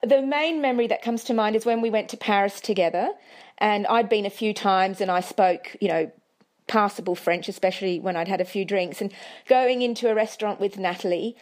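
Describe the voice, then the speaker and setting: A woman, a friend being interviewed, telling stories in a relaxed, conversational way. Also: medium pitch, a little fast. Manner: conversational storytelling with fillers. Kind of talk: casual recollection.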